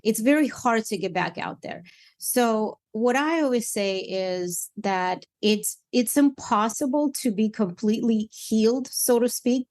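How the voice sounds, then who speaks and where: Woman guest, matchmaker from Ukraine; frank, blunt delivery, mid-range voice. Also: medium pitch. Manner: candid, blunt, animated with repeated restarts. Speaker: matchmaker and dating coach guest. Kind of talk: casual interview chat.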